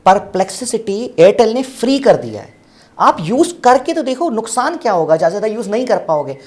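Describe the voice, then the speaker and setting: A man's voice: high-pitched, big pitch swings, normal speed, a little mellow. A man speaking as a guest on a business podcast, giving emphatic, instructive advice and repeating his points in lists. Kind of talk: casual podcast interview, advice.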